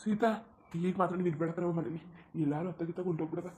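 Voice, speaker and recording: A man voicing a remorseful village father in a cartoon, begging and rushed. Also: high voice, a little mellow, natural voice. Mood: urging. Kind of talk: cartoon voice acting. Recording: roomy echoey recording.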